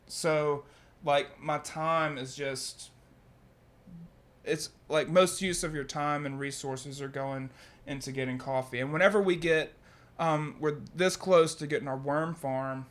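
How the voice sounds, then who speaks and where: Laid-back young farmer. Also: male voice, a little high, fairly even intonation, unhurried. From Louisiana, US. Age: young adult. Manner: laid-back, says "man" often, many fillers. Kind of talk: casual conversation.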